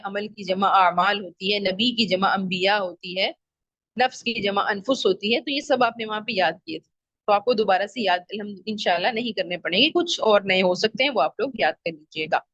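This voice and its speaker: A woman teaching an online Arabic grammar lesson, patiently repeating each example word slowly. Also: mid-range voice, a bit bright, no echo, lo-fi sound.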